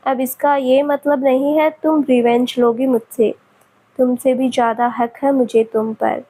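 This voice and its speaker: A woman voicing a feverish young man who speaks softly and possessively to his beloved. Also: high voice, fairly even intonation, unhurried, husky, exaggerated voice, low-quality recording. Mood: tender. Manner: soft, soothing.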